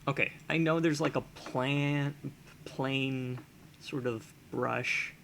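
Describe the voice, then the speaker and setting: Gravelly-voiced man musing on stream. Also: medium pitch, fairly even intonation, slow, a bit bright, slight background noise. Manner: musing aloud, chuckling often, trailing off with fillers. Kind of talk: casual chat while 3D sculpting on a stream.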